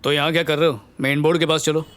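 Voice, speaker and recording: A man's voice: fairly high pitch, flat delivery, fast, a bit bright, slight background noise, natural voice. An actor dubbing a heartbroken young man who pours out his feelings to his father with tears, heard over film music. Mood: matter-of-fact. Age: young adult. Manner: emotional, tearful confession. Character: heartbroken young man, tearful and self-pitying. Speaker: jobless son heartbroken in love. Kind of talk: Hindi film dub acting. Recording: film soundtrack with music under dialogue. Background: film score music.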